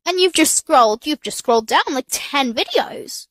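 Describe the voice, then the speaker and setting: A woman's voice: sits high, animated, moderate pace, fairly bright tone, no room sound. A young woman complaining casually in a vlog. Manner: complaining, questioning.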